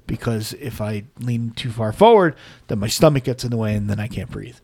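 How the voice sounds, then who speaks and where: A man's voice: fairly low pitch, animated, a little fast, darkish tone, no echo. A man co-hosting a podcast, telling long self-mocking anecdotes in a casual, chatty way. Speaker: podcast co-host. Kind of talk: casual chat, storytelling. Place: podcast studio. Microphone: podcast mic.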